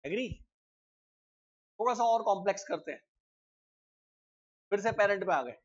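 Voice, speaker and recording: A man teaching a live programming class, explaining step by step and often asking students quick check questions. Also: high voice, expressive, muffled recording. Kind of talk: live classroom coding lecture.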